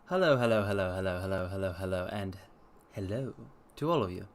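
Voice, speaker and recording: A man hosts a livestream, mixing chat with dramatic story reading delivered theatrically in formal, old-fashioned phrasing. His voice is low, brisk, and lively in intonation.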